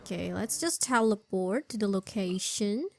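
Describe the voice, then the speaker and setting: A female game streamer gives casual, chatty gameplay commentary in informal non-native English. Her mid-range voice is animated and creaky, at a normal speed, with video game music behind it.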